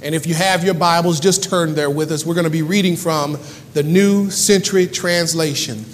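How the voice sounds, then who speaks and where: A man's voice: on the high side, steady tone, moderate pace. A man preaching a sermon as pastor, with rhythmic, repeated refrains. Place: church hall. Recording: church hall reverb, faint room noise.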